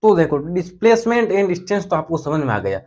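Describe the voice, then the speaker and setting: A man's voice: high-pitched, very animated, unhurried, a little mellow. A young man teaching physics in a casual, chatty lecture style, speaking terms and repeating key words for his students.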